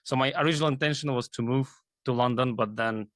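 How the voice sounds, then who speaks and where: A man from Kazakhstan, an AI team leader appearing as an interview guest, explains his work hesitantly and with plenty of filler phrases. His mid-range voice moves at a quick pace, and the studio-quality recording has no echo.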